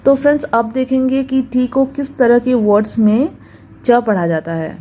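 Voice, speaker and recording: Woman teacher with a Hindi accent, soft mellow tone, slightly high pitch, slow drilled delivery, faint background hiss. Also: poor audio. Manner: slow, careful, repeats words for drilling. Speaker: English pronunciation teacher. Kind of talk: YouTube pronunciation lesson.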